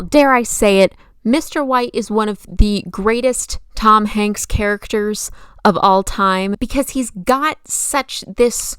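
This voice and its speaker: Here a video essayist and film commentator enthuses about movies in a chatty, emphatic way, freely sharing casual opinions. Her voice is medium in pitch, a little bright and smooth, and the recording is dry.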